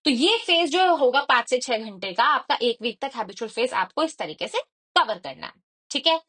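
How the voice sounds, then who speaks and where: Woman, high voice, bright tone, conversational teaching. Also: animated, normal speed. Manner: conversational Hindi-English mix with frequent check-ins. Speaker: exam prep educator. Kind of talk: explaining a study plan.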